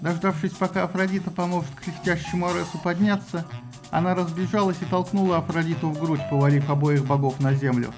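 A man narrating an audiobook with ironic, lively storytelling. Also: on the high side, brisk, over music.

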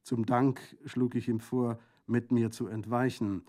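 A cool-headed bandit recounts his tale with dry, ironic calm, as a male reader plays him. He is unhurried and wry. It is an audiobook reading. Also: mid-range voice, lightly acted. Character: cool, witty middle-aged male bandit.

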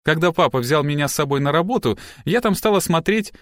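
A man's voice: a little high, lively intonation, quick pace, a bit bright, dry recording, studio quality, voice pushed up. A man voicing a childlike, blunt grown daughter in an audiobook, with a whining manner. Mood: whiny.

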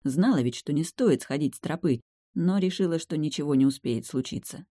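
Expressive woman reading a fantasy audiobook. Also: low-pitched, brisk, no room sound, studio quality. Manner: lively, expressive. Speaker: audiobook narrator. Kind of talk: first-person fantasy narration.

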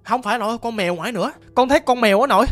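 A frightened little girl, as a woman narrator puts her on stammers urgent pleas. Her voice is pitched up. Faint music runs beneath. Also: racing, lightly acted. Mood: pleading.

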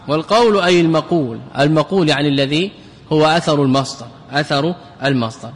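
Slightly high and a bit rough, a man's voice carries through a reverberant lecture hall as he runs a grammar class. He drills words through repetition and puts questions to the students.

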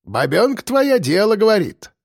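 A man doing a creaky, folksy old man. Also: high-pitched, big pitch swings, normal speed, a little mellow, no room sound, studio quality, pitched above the performer's own voice, exaggerated voice. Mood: wry. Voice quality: creaky, wheezing. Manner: mocking, folksy sayings. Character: crusty old man prisoner, wry and folksy.

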